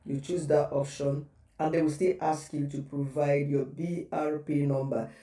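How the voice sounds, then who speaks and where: A man's voice: a little high, little pitch movement, unhurried, mellow. A man giving a patient step-by-step how-to guide, repeating each step as he walks viewers through it. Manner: patient instructional, repeating steps. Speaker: tutorial host. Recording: echoey room, distant mic.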